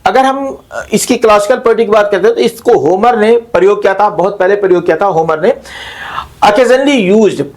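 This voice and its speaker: A male literature teacher gives a slow classroom lecture, explaining each term and repeating it in Hindi, with frequent pauses and self-corrections. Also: high-pitched, a little mellow.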